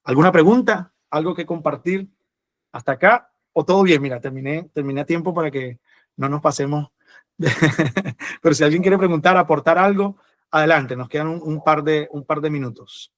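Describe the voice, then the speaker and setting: Casual male teacher, fairly high voice. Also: moderate pace, no echo. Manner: casual, inviting questions. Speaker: class teacher. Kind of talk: closing a class lesson.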